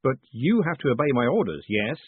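A man voicing an exasperated, quick-tongued con man who talks in sharp, indignant bursts. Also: fairly high pitch, wildly swooping pitch, slight background noise, voice pushed up. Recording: dry, phone-like narrow band.

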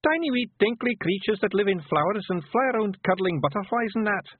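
A man voicing a small, knowing male fairy with a high, eager voice. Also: lively intonation, brisk, a little hiss or hum. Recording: dry tinny phone-like sound.

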